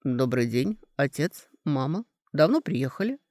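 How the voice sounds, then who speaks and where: A man voicing a calm, stubborn young man who quietly stands up to his mother in an audiobook. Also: mid-range voice, a little slow, no room sound, studio quality. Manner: quiet, calm, softly firm. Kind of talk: audiobook character voice.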